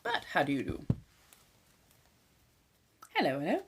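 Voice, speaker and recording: With a deep voice, wildly swooping pitch and a measured pace, a woman speaks over a very noisy background. She adopts a theatrical vampire persona on a live stream, chatting with viewers in a put-on 1700s colonial transatlantic accent, with elaborate wording and frequent use of darling.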